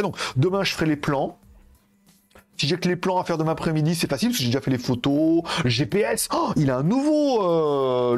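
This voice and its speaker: A man in a casual live stream, rambling and joking about phones and his plans, swearing now and then while he handles the devices. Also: a little high. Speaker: tech streamer.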